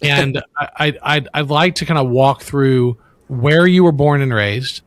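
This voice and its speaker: A man's voice: medium pitch, unhurried, no echo. A man, co-hosting a casual podcast interview in a chatty, friendly way with many restarts. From Louisiana, US. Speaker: podcast co-host.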